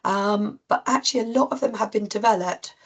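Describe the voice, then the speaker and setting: A woman with a cold, husky and coughing, giving an informal online talk to practice teams with many ums and restarts. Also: medium pitch, fairly quick. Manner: rambling with frequent ums and restarts. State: coughing, voice strained. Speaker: clinical lead presenting to practice teams. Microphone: video call.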